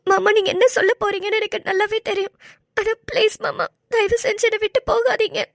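A woman's voice: very high-pitched, fairly even intonation, brisk, vocal fry, no echo, clean studio sound. A woman doing a tearful young woman pleading. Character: young woman desperately pleading with her beloved.

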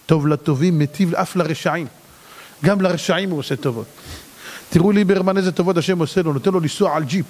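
A man, a rabbi, preaching a dramatic sermon, swinging between loud cries and low asides. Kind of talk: sermon to a congregation. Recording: long hall reverb.

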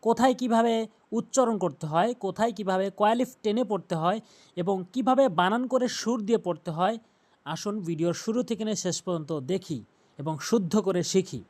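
A man teaching Quran pronunciation in a step-by-step lesson. He spells out each letter and vowel mark, then recites the words slowly and repeats them for practice. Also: high-pitched, darkish tone.

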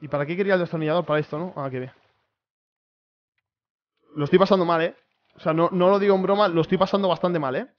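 A man's voice: high-pitched, fairly even intonation, quick pace, pauses often, dull audio. A young man giving nervous, chatty gameplay commentary, talking to his viewers and repeating himself when scared. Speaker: gaming streamer. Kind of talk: casual horror gameplay commentary.

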